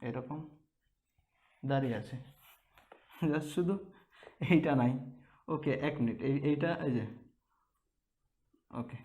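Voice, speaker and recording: Slow, repetitive male language teacher. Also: medium pitch, a little mellow. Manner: drills each letter sound over and over, checks in with "okay?". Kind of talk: slow, repetitive Korean alphabet lesson.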